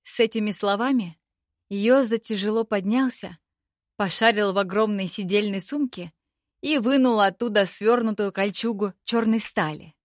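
A woman narrating a fantasy audiobook in an even, steady storytelling voice. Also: mid-range voice, normal speed, no echo, studio quality.

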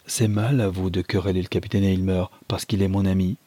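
A man voicing a gentle but firm young Englishwoman in a read-aloud novel, his husky voice lifted somewhat higher. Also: level tone, brisk, dry recording. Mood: gentle, pleading.

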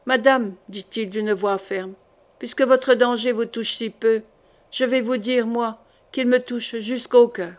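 A woman's voice: a little high, steady tone, measured pace, darkish tone, natural voice. A woman reading the lines of an ambitious duke in a historical audiobook, urging a young woman with feverish insistence. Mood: firm. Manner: urgent, feverish pleading. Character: passionate ambitious duke, grown man.

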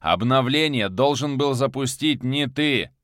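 A man voicing a cold, venomous male crime boss who shouts in fury. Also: medium pitch, expressive, measured pace, no room sound, studio quality, voice pushed up. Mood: furious.

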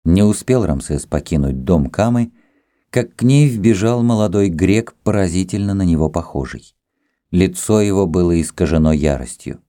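A male narrator reads a historical novel in a low, warm and mellow voice. His reading is expressive and lively in pitch, and the recording is dry and close, with no room sound. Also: moderate pace, no echo. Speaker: audiobook narrator. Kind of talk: scripted audiobook narration.

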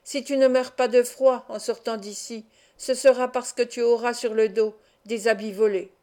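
A woman's voice: fairly high pitch, fairly even intonation, normal speed, warm tone, natural voice. A woman reading the part of a bitter, scornful young male thief in an audiobook. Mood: furieux. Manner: angry reproachful.

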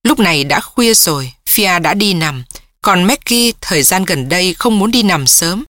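A woman reading a novel aloud as an audiobook narrator, voicing the dialogue in her own voice and lifting her pitch for the emotional lines. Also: expressive, normal speed, fairly bright tone, no room sound. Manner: reads several characters in one voice, lifting pitch for emotional dialogue.

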